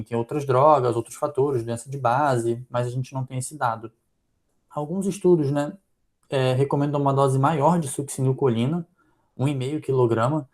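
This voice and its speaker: A Brazilian-accented man walks through a study's weaknesses at a quick clip. His voice carries a gravelly, creaky edge, and he thinks aloud with frequent fillers as he moves from point to point. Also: medium pitch, a little mellow. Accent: Brazilian Portuguese. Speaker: physician presenting a journal article. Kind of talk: journal club critique.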